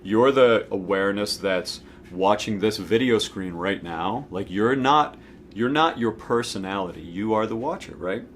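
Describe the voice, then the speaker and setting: This forties-aged host of a spiritual self-help series has a fairly low, expressive voice and a measured pace. Addressing the camera, he teaches in a conversational yet emphatic manner, pausing to check in with his listener, over a slight hiss or hum.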